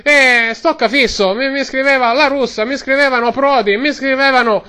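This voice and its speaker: A man's voice: extremely high pitch, fairly even intonation, normal speed, sharp tone, clear, resonant tone. A man voicing a chatty Roman ice-cream seller in a radio comedy sketch, rambling and ending lines with tag questions, with a Roman accent. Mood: boastful. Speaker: comic guest figure.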